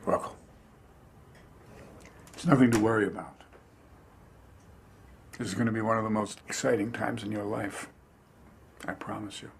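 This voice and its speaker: A middle-aged father with a lowish voice, fond and gentle. He speaks in a soft, wistful way. A faint hiss sits under the dialogue. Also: fairly even intonation, moderate pace, gravelly, pauses often. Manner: softly nostalgic, tender.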